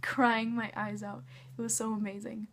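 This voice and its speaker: A teenage girl excitedly retelling a fan encounter in a vlog, acting out the quoted lines. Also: a little high, normal speed, heavy background noise. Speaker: vlogger. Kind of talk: storytime vlog.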